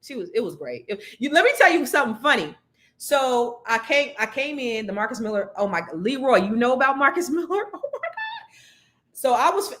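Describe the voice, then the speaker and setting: Excitable and chatty, a woman running a live money-and-news program tells stories to her viewers with plenty of fillers. Her voice sounds lower than normal because of cigar smoke.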